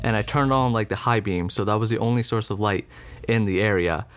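A man's voice: on the low side, brisk, soft background music. A man in his twenties recounting a story in a casual interview, rambling with lots of "like" and "um". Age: 20s. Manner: rambling, frequent "like" and "um", laughs.

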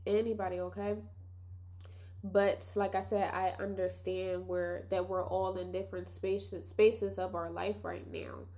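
On her casual solo podcast, a young woman talks directly to listeners in a chatty, reflective way. Her nasal voice is lowish, animated and warm, and she takes her time.

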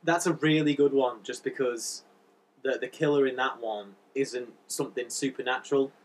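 A man co-hosting a podcast in casual chat, calmly explaining points with a dry sense of humour. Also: medium pitch, normal speed, recorded from a distance. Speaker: podcast co-host.

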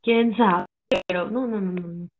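A woman's voice: mid-range voice, a little slow. A young woman with a Mexican accent, chatting casually as a co-host, telling stories full of slang and swearing. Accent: Mexican Spanish. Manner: slangy, swearing, animated storytelling. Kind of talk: casual chat. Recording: tinny phone-like sound.

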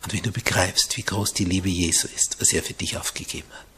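A man preaching a sermon who turns dramatic, swinging from loud emphatic lines to hushed whispers. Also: low voice, fairly even intonation, fairly quick, a little hiss or hum.

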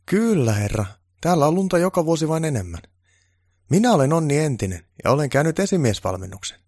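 A man's voice: fairly high pitch, very animated, darkish tone, no echo, clean studio sound, voice pushed up. A man voicing an eager, fawning male supervisor who speaks politely and keenly.

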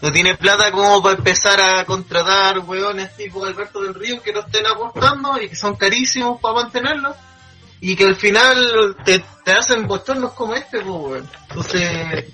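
A man's voice: high voice, moderate pace, sharp tone, soft background music. A man with a Chilean accent giving blunt, opinionated takes in a casual podcast, swearing freely. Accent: Chilean Spanish. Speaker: podcast co-host. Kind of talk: casual chat about wrestling.

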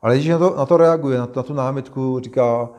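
Male preacher, expressive Bible reading, plain mid-pitched voice.

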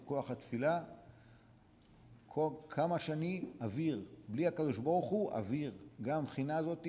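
A man, a rabbi, teaching a religious lesson to students, urging them on with repeated short commands and sudden swings between quiet and loud. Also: medium pitch. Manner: exhorting, repetitive, sharp swings from soft to loud. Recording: long hall reverb.

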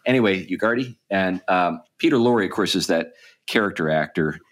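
Podcast host, male, low voice, loose and meandering delivery. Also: lively intonation, moderate pace, fairly bright tone. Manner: rambling, with frequent ums and restarts. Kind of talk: casual chat.

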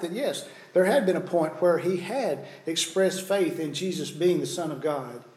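A man's voice: a little high, a little mellow. A man preaching a sermon, telling a judgment story and citing scripture verses. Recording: roomy echo.

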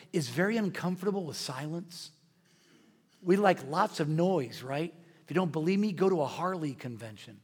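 Man preaching a sermon, slightly high voice, husky tone, long church reverb, loud then hushed. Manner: swings from loud preaching to hushed near-whispers. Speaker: pastor. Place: church sanctuary.

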